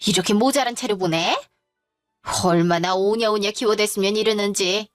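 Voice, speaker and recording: A woman's voice: mid-range voice, steady tone, normal speed, no echo, soft background music, close to an everyday voice. A woman voicing a domineering older mother-in-law who scolds her young daughter-in-law with contempt, in a spoken story. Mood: scornful.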